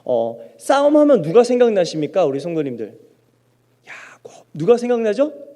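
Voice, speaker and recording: A male pastor preaches to his congregation, throwing questions at them and acting out the loud cries of the people in his story. His voice sits high but sounds mellow and warm. It rings with the long reverb of a church hall. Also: big pitch swings, fairly quick. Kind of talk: sermon.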